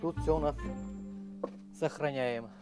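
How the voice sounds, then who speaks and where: A man from Russia explaining his village home in a halting, casual way, with many fillers and repeated phrases, outdoors in the snow. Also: a little high, over loud music. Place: outdoors in a snowy village and in a cellar.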